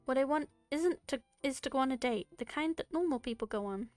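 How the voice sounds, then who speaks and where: A soft-spoken, well-mannered young woman who bakes cookies and loves simple romance, voiced by a woman reading a story game aloud. Her voice sits a little high and sounds close and dry. Quiet music plays faintly behind her. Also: animated, fairly quick, no echo. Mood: excited. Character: gentle refined young woman baker. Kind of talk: reading a visual novel aloud.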